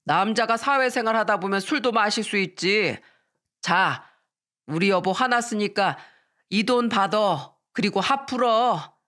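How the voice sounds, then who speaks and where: A smug, careless husband who brushes things off and justifies himself, as a woman reading a drama story puts him on. He speaks slowly and calmly. It is a storybook-style radio reading. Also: mid-range voice, lightly acted. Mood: dismissive. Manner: dismissive, self-justifying.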